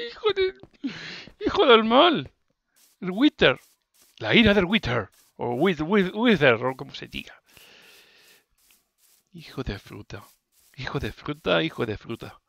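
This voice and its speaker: A man from Spain, doing let's play commentary, muttering in frustration and bursting into yells. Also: fairly high pitch, huge pitch swings, a little slow, vocal fry, pauses often, dry recording, muffled recording. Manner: exasperated, muttering to himself, bursts of yelling. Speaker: gaming YouTuber. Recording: loud game music behind voice. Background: loud game music.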